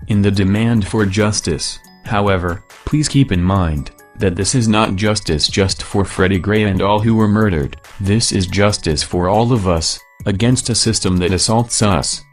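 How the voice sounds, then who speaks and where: A disguised, lowered male voice delivers a scripted political statement, slow and grave. He sounds deep and measured, and faint music plays softly underneath. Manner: solemn, measured, declamatory.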